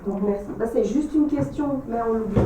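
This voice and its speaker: A woman in an audience speaking effusively and haltingly, full of gratitude, in an echoey room. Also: fairly high pitch. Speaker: audience member. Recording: echoey, distant, noisy room with clicks.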